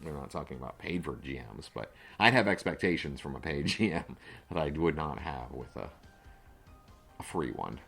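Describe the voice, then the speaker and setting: A man's voice: extremely low pitch, animated, moderate pace, creaky, fairly bright tone, breathy edge, faint music behind. A man co-hosting a podcast in a casual, rambling chat, full of fillers and restarts. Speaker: podcast co-host and game master.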